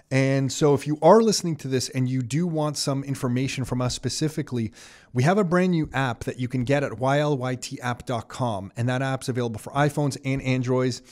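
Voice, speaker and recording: A man's voice: medium pitch, darkish tone. A man hosting a podcast in a chatty way, repeating key points as he talks. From Canada. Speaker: podcast host. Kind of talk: casual podcast talk.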